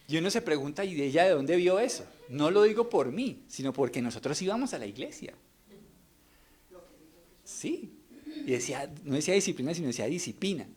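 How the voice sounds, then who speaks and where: Earnest preacher, higher voice. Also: male voice, sing-song, a little slow, long pauses, a little mellow, husky. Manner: earnest, asks rhetorical questions to the congregation. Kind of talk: sermon.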